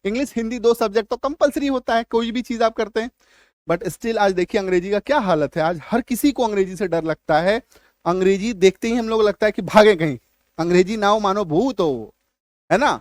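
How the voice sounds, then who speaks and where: A man's voice: high-pitched, no room sound, clean studio sound. Man teaching, constantly checking understanding. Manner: keeps checking understanding with questions; repeats words slowly to drill pronunciation. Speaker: English teacher. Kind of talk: classroom-style video lesson.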